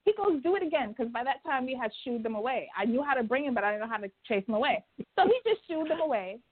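A woman tells a personal story with animated energy, acting out what people said. Her voice is fairly high. The sound is thin and tinny, like a phone line. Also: fast talker, slightly rough. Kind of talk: casual chat.

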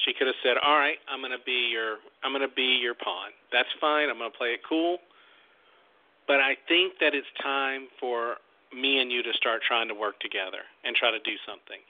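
A man hosts a casual commentary show, laying out his opinions and speaking straight to his listeners. His voice sits at an ordinary pitch. It comes through thin and narrow, like a phone line. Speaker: podcast host. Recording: tinny phone-like audio.

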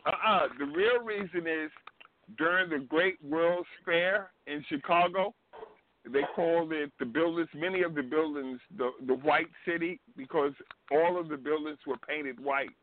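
Slightly high-voiced man on a noisy, narrow line. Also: a little slow. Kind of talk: casual explanatory chat. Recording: band-limited line with clear noise.

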